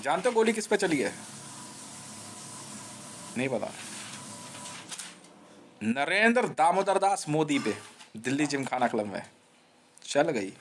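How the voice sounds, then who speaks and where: A man with a fairly high voice talks on and on in a rambling live monologue. He jabs at his listeners with taunting slang. He keeps circling back and repeating himself. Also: very animated, takes it slowly, long pauses, fairly bright tone, slight background noise. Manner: restless, repeats himself and restarts. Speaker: live streamer.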